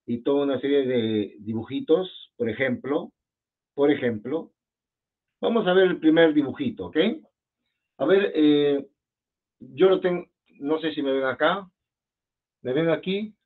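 A man with a Peruvian Spanish accent teaching an online French class, patiently repeating words and asking students questions over a video call. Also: fairly high pitch. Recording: phone-like video call audio.

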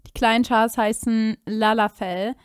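Woman streamer, high voice, dry close mic, excitable chatter with English exclamations. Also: unhurried, smooth, no echo. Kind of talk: live stream reaction chat.

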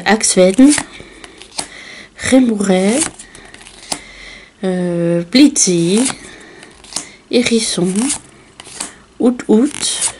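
A hoarse woman talks slowly and chattily as she unboxes trading cards, filling pauses with small sounds and laughs. Her voice is soft and mellow, and faint noise sits behind it. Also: mid-range voice. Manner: chatty, fond of filler words and small laughs. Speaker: card unboxing vlogger. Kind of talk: casual unboxing commentary.

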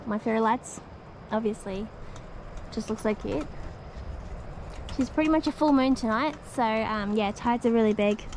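A woman's voice: fairly high pitch, moderate pace, long pauses, a little mellow, poor audio. A young Australian woman vlogging a camping trip, chatty and upbeat with casual slang, recorded outdoors on a camera. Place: outdoor beach campsite. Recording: outdoor camera with clear background noise.

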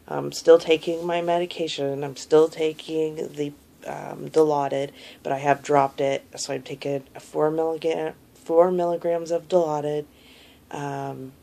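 A woman in her thirties with a gravelly, sore-throated voice, giving a casual, low-energy video diary update while lying down. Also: dark tone. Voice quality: gravelly, creaky. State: sore throat while recovering from tonsil surgery. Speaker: vlogger giving a surgery recovery update. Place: small indoor room, lying in bed. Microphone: phone held at arm's length.

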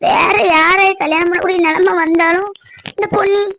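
ஒரு பெண் நடிக்கும் அழும் இளம் கிராமத்துப் பெண். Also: female voice, very high voice, steady tone, moderate pace, a bit bright, a little hiss or hum. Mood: crying pleading. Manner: distressed, crying, pleading. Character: young village daughter in love, emotional. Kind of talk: cartoon voice acting.

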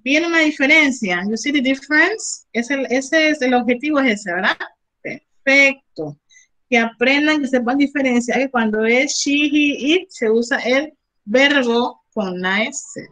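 A woman's voice: high-pitched, a little slow, a bit bright, low-quality recording. A woman English teacher with a Panamanian Spanish accent, coaching students in an online class, encouraging and praising, switching between Spanish and English.

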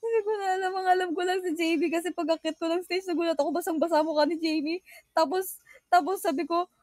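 A woman's voice: extremely high pitch, fairly even intonation, fast, a little mellow, dry recording. A young woman chatting casually with fans on a livestream, giggly and emotional, mixing English into her talk. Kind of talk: casual livestream chat reading fan comments.

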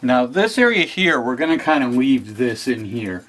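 A man's voice: mid-range voice, very animated, normal speed, a bit bright. A man casually narrating a step-by-step model railroad how-to while he works at his layout, repeating himself as he explains. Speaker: model railroad hobbyist demonstrating. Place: hobby room at a model train layout.

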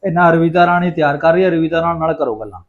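A man's voice: fairly high pitch, fast talker, phone-quality sound. A man with a Punjabi accent hosting a casual home food vlog, exclamatory and fond of repeating catchphrases to his viewers. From Punjab, India. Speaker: vlog host.

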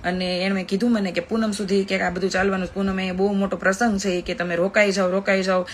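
A woman's voice: mid-range voice, level tone, slight background noise. A woman in her thirties with a Kathiyawadi Gujarati accent, chatting in a live video and telling a story in an emphatic, talkative way. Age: 30s. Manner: chatty, fast-talking, emphatic. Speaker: social media influencer.

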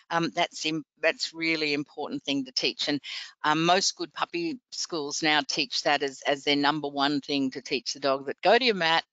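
A woman's voice: low-pitched, a bit bright, clean tone, no echo. A woman veterinarian answering webinar questions in a chatty, encouraging, practical way over a video call. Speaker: veterinarian presenter. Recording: dull lo-fi web call audio.

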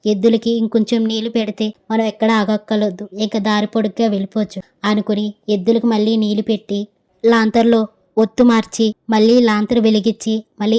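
A woman narrating a village horror story in first person, in a steady storytelling manner. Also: medium pitch.

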